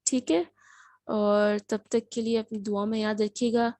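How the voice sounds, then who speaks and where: A woman's voice: a little high, flat delivery, a little mellow, no room sound. A woman teaching a spoken language lesson, patient, repeating words and asking herself questions as she explains. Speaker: Turkish teacher.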